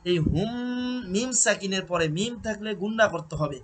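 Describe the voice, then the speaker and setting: A man teaching Quran recitation, drilling syllables with long drawn-out chanting and patiently correcting pronunciation. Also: sits high, a bit bright. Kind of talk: slow recitation lesson. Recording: faint background noise and clicks.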